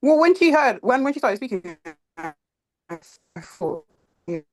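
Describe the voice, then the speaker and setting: A woman who is a student in an online trading class. She speaks softly and comes across as a little shy. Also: fairly high pitch, sing-song, measured pace. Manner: soft-spoken and a little shy. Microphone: video call.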